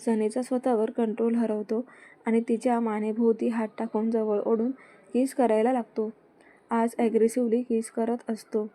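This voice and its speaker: A woman reading a romance story aloud in a plain, steady way. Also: on the high side, normal speed.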